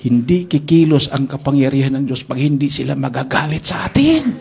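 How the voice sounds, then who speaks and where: A man preaching at a church worship service, telling stories in an animated way and acting out the dialogue. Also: medium pitch, brisk, gravelly, husky. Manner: animated storyteller who acts out dialogue. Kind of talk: storytelling sermon.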